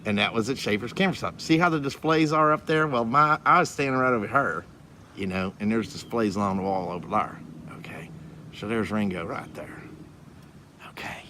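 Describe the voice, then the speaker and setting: A man's voice: fairly low pitch, a little fast, bright, forceful tone. Guy rambling thru a story, folksy and cussing a bit, faint traffic noise behind. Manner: rambling, folksy, swears casually. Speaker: vlogger. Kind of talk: casual storytelling.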